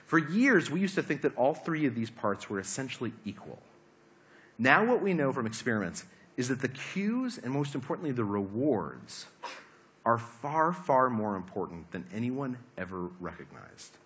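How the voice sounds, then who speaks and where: A man giving a lively talk to a live audience, asking them questions as he explains his points. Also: mid-range voice, moderate pace. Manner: animated, asks the audience questions. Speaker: speaker giving a talk on habits.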